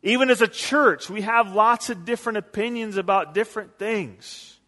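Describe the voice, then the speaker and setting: A man's voice: high-pitched, normal speed, bright, forceful tone. A man preaching a sermon as a pastor, talking conversationally and telling stories with quoted asides. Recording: long hall reverb.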